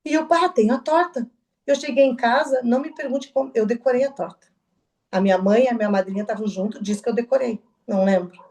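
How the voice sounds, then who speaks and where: A middle-aged woman, soft-spoken and halting, giving personal testimony as an interview guest. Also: a little high. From southern Brazil. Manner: halting, soft-spoken, with restarts and quoted dialogue.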